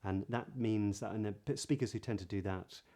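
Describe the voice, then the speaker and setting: A man with a modern standard Southern British accent, teaching pronunciation in a measured, explanatory way with careful articulation. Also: lowish voice, dark tone. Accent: modern standard Southern British English. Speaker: voice coach giving a pronunciation lesson. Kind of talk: instructional lesson to camera.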